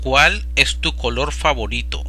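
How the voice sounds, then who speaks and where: Teaching Spanish through a slide voice-over, a man speaks in a bright, forceful voice of medium pitch. He reads the practice phrases individually in a slow drill, enunciating every one carefully.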